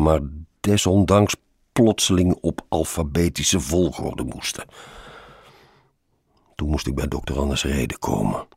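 A man's voice: very deep voice, husky, no echo, studio quality. A man reading a first-person story aloud in a wry, sardonic manner.

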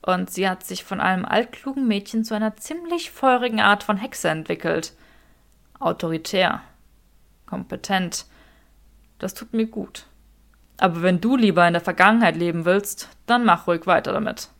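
A woman reading a smug, flirtatious wizard man who teases his rival, in a slow, drawling manner. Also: mid-range voice, gravelly, fairly bright tone.

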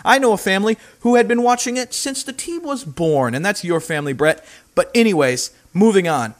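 A man's voice: high-pitched, lively intonation, a little fast. Emphatic opinionated hockey talk host, man. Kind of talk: hockey talk show banter.

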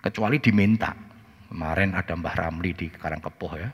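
A male pastor preaching, telling stories in an animated way and often turning to the congregation. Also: low-pitched, brisk, breathy edge, big-room sound. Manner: animated, switches into Javanese phrases, often addresses listeners. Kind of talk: sermon with storytelling.

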